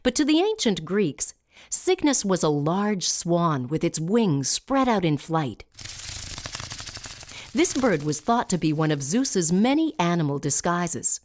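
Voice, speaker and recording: A woman reading scripted narration as a smooth museum audio guide, measured and clearly enunciated. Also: fairly low pitch, very animated, darkish tone.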